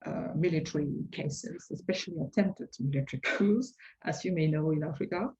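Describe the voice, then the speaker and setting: A woman from Cameroon, giving measured, reflective answers as an interview guest, often pausing with hesitations. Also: deep voice, darkish tone, lo-fi sound. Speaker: compliance consultant, interview guest.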